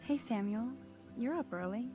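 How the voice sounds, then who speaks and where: A woman's voice: a little high, lively intonation, normal speed, music in the background, lightly acted. An actress playing an earnest, quirky teenage girl, a student photographer in a video game. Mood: friendly, thoughtful.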